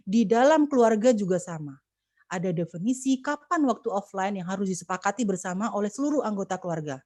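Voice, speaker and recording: A woman's voice: mid-range voice, expressive, fairly quick, a little mellow, dry recording. A woman speaking as a communication expert on a video call webinar, giving earnest, preachy advice to mothers with many fillers and restarts.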